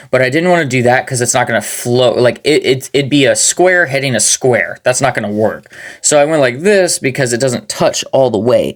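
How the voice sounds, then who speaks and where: Chatty man with a slightly gravelly voice. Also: mid-range voice. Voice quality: a little gravelly. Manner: rambling, chatty, swears casually. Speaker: hobby toy-building channel host. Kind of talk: casual build walkthrough. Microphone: plugged-in microphone.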